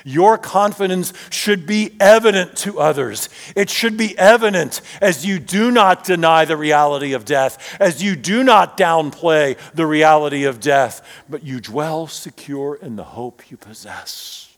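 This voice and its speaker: A male pastor delivering a sermon, swelling loud and dropping to hushed, almost whispered phrases. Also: on the high side, unhurried, hardly any pauses, big-room sound. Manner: swells loud then drops to near whisper. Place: church sanctuary.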